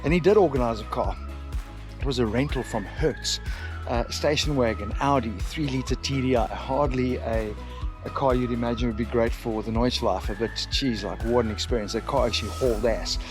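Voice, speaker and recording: South African man, easygoing jokey vlogger, mid-pitched, faint music underneath. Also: normal speed. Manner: chatty, joking, self-deprecating. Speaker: travel vlogger. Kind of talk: casual vlog chat. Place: motorhome camp beside a racetrack, outdoors.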